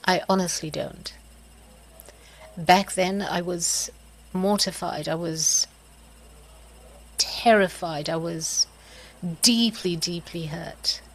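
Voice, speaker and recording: A middle-aged woman talks through a personal reflection very slowly, with long pauses between short phrases. Her voice sits a little low and has a gravelly, creaky edge. She sighs and laughs softly as she searches for words. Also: poor audio. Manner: halting, pausing, with soft laughs and sighs. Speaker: host of a reflective video series.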